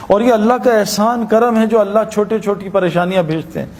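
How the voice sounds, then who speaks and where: A man's voice: high-pitched, a little mellow, long reverb tail. A man preaching a sermon, telling stories and acting out their dialogue in an earnest manner. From Pakistan. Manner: storytelling, earnest, acts out dialogue.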